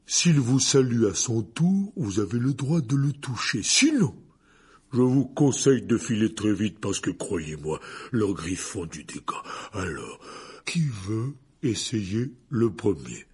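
A man's voice: lowish voice, big pitch swings, slow, darkish tone, breathy edge, heavily acted. An actor playing a huge, kindly, clumsy half-giant teacher who stumbles over his words with many fillers. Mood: explaining. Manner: hesitant, full of fillers, eager. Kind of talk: dramatized audiobook reading.

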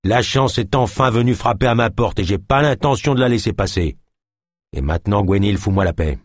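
A man voicing a brutish, contemptuous man who talks in a gruff, dismissive way. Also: fairly low pitch, brisk, dry recording, clean studio sound, natural voice.

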